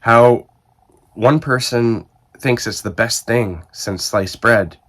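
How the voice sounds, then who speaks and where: A man with a cold, his voice rough and stuffed up, chatting casually to camera about reading and rambling as he thinks aloud with many restarts. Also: medium pitch, slow, a bit bright. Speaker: book video host.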